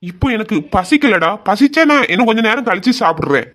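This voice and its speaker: A performer voicing a caring older brother who softly reassures his younger sister in an amateur audio drama. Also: medium pitch, lively intonation, fast talker, close to an everyday voice. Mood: reassuring. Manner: soft, reassuring, affectionate.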